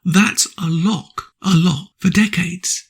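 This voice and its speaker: A hoarse man with a croaky voice hosting an opinion monologue, speaking emphatically and repeating rhetorical questions. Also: high voice, steady tone, slow. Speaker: radio commentary host.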